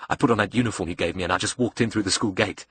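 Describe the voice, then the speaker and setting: A man voices a young male villain with a South African accent in audiobook character dialogue, sounding bitter, cocky, and gloating. His fairly low voice is brash and sneering, with a forceful, husky edge and a cruel streak, delivered very fast with no room sound.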